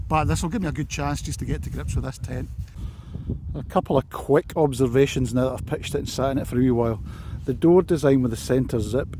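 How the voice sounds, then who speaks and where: A man with a Scottish accent chatting casually and in an understated way as an outdoor vlogger reviewing gear, recorded outdoors. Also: medium pitch. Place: outdoors on a windy hillside campsite, in and by a tent. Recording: windy outdoor recording with loud noise.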